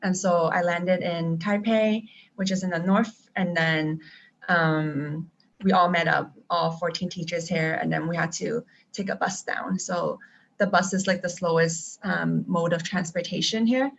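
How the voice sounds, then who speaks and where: A young woman with a fairly low, steady, creaky voice speaks a little slowly, with a little hiss or hum in the background. A traveling teacher and guest, she chats casually on a live-stream video call from home in Taiwan, full of ums and restarts, through dull lo-fi audio.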